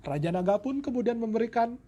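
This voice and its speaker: At home, a storyteller spins a folk tale informally and dramatically, tossing in playful jokes and correcting himself along the way. The mid-range voice is animated, warm, and fast, on a noisy home recording with ambient sound.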